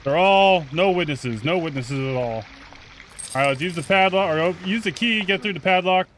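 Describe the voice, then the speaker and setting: This gaming YouTuber's voice sits high and sounds fairly bright and expressive, at normal speed. Profane and slangy, he comments on his gameplay and answers back to the characters, with video game music and slight background noise behind his voice.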